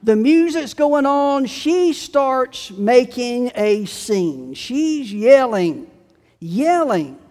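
A man preaching a sermon, telling a story slowly and deliberately before drawing out its meaning. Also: very high-pitched, sing-song. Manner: storytelling, slow and deliberate with dramatic quoted shouts. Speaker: pastor. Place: church sanctuary. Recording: long reverb of a church sanctuary.

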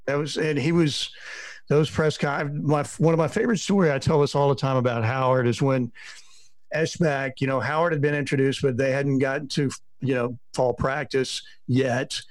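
A middle-aged man, a sports journalist, chats casually on a podcast, telling long-winded stories and dramatizing what people said. His medium pitch stays fairly even at a moderate pace in a dry recording.

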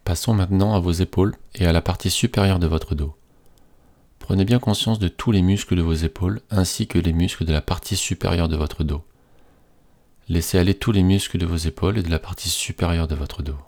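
A man reading a scripted guided relaxation in a slow, soothing, hypnotist-like manner with repetitive phrasing. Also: deep voice, a little mellow.

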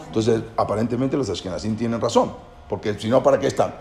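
A man with a fairly low voice gives a fast, informal lecture in an echoey room, with faint background noise and a crowd behind him. He explains by asking his listeners questions and often repeats and restarts phrases.

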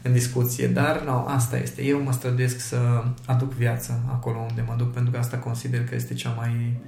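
A man co-hosting a podcast in an easy, joking way, often breaking off and restarting his sentences. His voice sits at a middle pitch, and the room adds a noticeable echo. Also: completely flat delivery, gravelly, a little mellow. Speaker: podcast co-host and book author. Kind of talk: casual podcast conversation.

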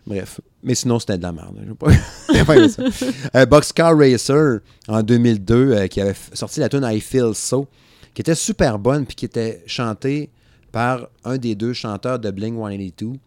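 A man's voice: medium pitch, moderate pace, darkish tone, dry recording, studio quality. A man in his thirties with a Quebec French accent, rambling casually about music on a podcast and laughing often. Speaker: podcast co-host.

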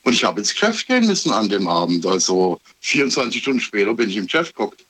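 A man from Heilbronn calling in to a radio show and haltingly telling a personal story with many pauses. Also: lowish voice, very animated, husky. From Heilbronn, Germany. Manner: hesitant, many fillers and restarts. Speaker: caller. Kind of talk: recounting a personal story on a call-in. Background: radio playing quietly.

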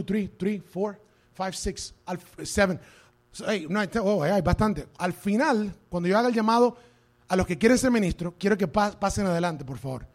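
High-voiced preaching pastor. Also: male voice. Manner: emphatic preaching, switching into English phrases. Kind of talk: sermon. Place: church before a congregation.

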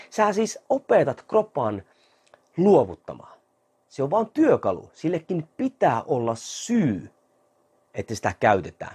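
Male fitness coach, casual to-camera talk; husky tone, animated pitch, slows down to read out quotes. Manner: reads out short quotes slowly, then comments on them.

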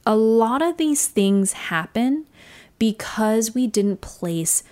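Born in Singapore and raised in Australia, a woman hosts a solo podcast, sharing personal stories earnestly and reflectively. Her fairly high, dark-toned voice is animated and slow, though her pace often shifts.

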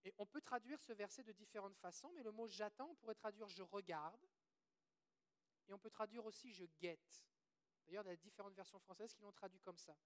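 A woman with a Québécois French accent preaching a sermon, quoting scripture, asking the audience questions and leading prayers. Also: mid-range voice. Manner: earnest, asks the audience questions, quotes scripture.

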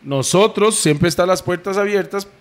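A man's voice: sits high, moderate pace, clear, resonant tone. A man co-hosting a casual podcast, blunt and chiming in with short remarks. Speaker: podcast co-host.

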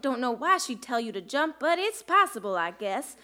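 A woman's voice: sits high, sing-song, normal speed, bright, forceful tone, exaggerated voice. A woman playing a chatty, rambling, folksy mother in a live comedy radio play.

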